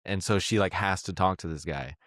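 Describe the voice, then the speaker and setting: A young man with a low, deep voice talks through a podcast conversation in a loose, laid-back way. He swears freely and laughs often while retelling a film scene. The sound is dry and close to the mic. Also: brisk, a bit bright, no echo. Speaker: podcast host. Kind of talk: casual chat.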